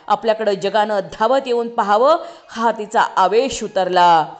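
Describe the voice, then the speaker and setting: A woman giving an expressive reading of a literary short story, her voice rising sharply for the shouted lines. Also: medium pitch, a little slow. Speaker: story reader.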